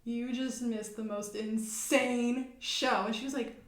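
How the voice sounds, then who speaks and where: A young woman co-hosting a podcast, telling a workplace story in a lively, animated way with frequent laughs. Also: fairly high pitch, slow. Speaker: podcast co-host. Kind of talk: casual chat. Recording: echoey room.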